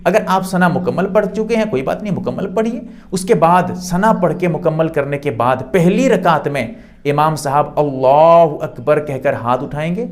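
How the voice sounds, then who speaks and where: Man, religious scholar, slightly high voice, patient step-by-step explanation. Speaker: Islamic scholar. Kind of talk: religious instruction.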